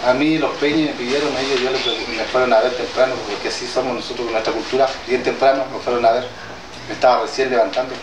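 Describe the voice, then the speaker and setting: A man of medium pitch and fairly even intonation, a traditional healer from southern Chile who grew up speaking Mapudungun, addresses a gathering in an indoor hall. His informal talk is plain, hesitant, and halting, with many restarts. He's recorded far away, with echo and noise throughout.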